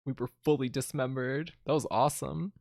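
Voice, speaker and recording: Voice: mid-range voice, steady tone, fairly quick, creaky, darkish tone, no room sound, clean studio sound. A video game streamer giving casual, wry, joking commentary on a playthrough.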